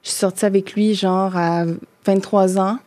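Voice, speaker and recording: Her voice is medium-pitched, level and dark, moving a little slowly in a recording without echo. She's a woman in her thirties from Quebec, accent Québécois French, chatting informally as a podcast guest and often restarting or filling pauses.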